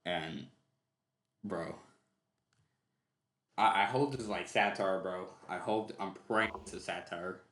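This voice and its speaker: A man with a fairly low voice hosts a livestream reaction show, cursing freely and joking along in a loose, laid-back way. His voice bounces around a reverberant room. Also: slow pace, pauses often, a bit bright. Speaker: streamer hosting a reaction show. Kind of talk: casual livestream reaction chat. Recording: echoey room.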